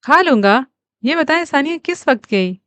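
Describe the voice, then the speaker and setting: A woman reading the part of a caring young husband who speaks gently and with concern to his ailing mother. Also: high-pitched, lively intonation, dry recording. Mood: gentle.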